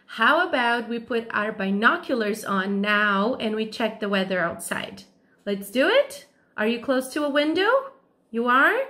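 Teacher lady, talks real slow and sing-songy to little kids, kinda high voice. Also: very animated, pushed and bright. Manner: slow, sing-song, encouraging questions to children. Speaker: kindergarten teacher. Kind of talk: online lesson for young children.

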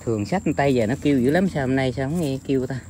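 A man talking casually to his viewers outdoors, rambling with many filler pauses. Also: mid-range voice, very noisy. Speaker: bird-trapping vlogger. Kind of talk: casual outdoor vlog narration. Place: outdoors in countryside.

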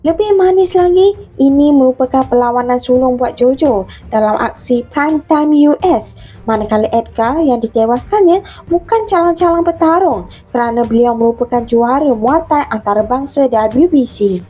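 Female news voice-over, high and mellow, a bit husky, faint music under. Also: moderate pace. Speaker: news narrator. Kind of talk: scripted news narration.

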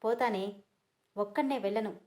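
A woman reading a story aloud, voicing an angry, possessive young husband who talks roughly and makes threats. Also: high voice, normal speed, darkish tone, natural voice.

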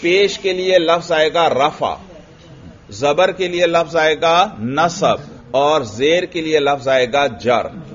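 Slow, drilling male grammar teacher. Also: on the high side, fairly bright tone. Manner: slow, repetitive drilling, asks questions and answers them himself. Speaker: religious teacher of Arabic grammar. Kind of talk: classroom lecture. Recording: muffled lo-fi recording with faint hiss.

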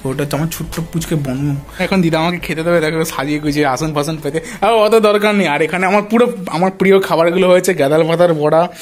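A man vlogs casually from indoors at a family home and shop, calling his viewers "guys" and sprinkling English words into his speech. His pitch is fairly high, and he talks fast with hardly a pause.

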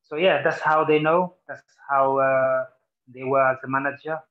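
A former footballer from Senegal talks through his career in a relaxed interview, his pitch staying fairly level. He fills his sentences with "literally" and "you know" as he goes. The recording sounds a little dull and lo-fi. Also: normal speed. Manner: animated when quoting, repeats "literally" and "you know". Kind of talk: casual interview chat.

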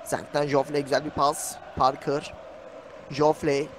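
A man's voice: a little high, flat delivery, a crowd in the background, background noise. Man rattling off live game commentary. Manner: rapid calling of player names, bursts of shouting. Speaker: play-by-play commentator. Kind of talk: esports match commentary.

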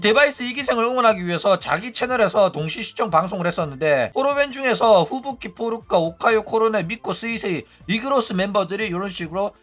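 A man's voice: high-pitched, lively intonation, a little fast, hardly any pauses, fairly bright tone, soft background music. A man hosting a channel and recapping online drama in a chatty, incredulous way, acting out the quotes as he goes. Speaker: channel host, commentator. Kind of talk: casual commentary.

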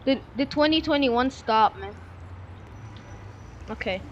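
High-pitched excitable woman gaming. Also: takes it slowly, highs cut off, a little hiss or hum. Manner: excitable, repeats hype shouts, rambling asides. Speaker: gamer streamer. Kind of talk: gameplay commentary. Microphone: broken microphone.

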